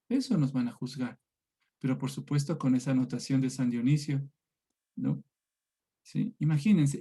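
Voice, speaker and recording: A catechism teacher with an Ecuadorian Spanish accent leads a religion class over a video call, speaking conversationally and checking in with his students often. His voice is a little high, husky, and dark in tone.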